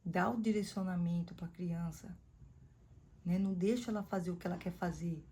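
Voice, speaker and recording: A woman's voice: lowish voice, fairly even intonation, normal speed, mellow. A woman preaching a devotional message in a firm, admonishing way, often checking in with short tag questions. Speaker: lay preacher.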